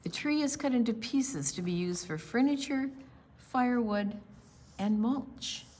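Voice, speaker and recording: Reading to young children from a picture book, a woman with a fairly high pitch leads storytime. Her delivery is deliberate and expressive, and she slips in relaxed remarks about the artwork.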